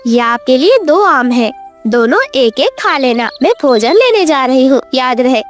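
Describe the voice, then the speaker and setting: Warm-hearted mother sparrow for a cartoon, played by a woman; affectionate, gently firm, bright high voice. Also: lively intonation, a little slow, faint music behind. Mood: tender. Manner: affectionate, instructing.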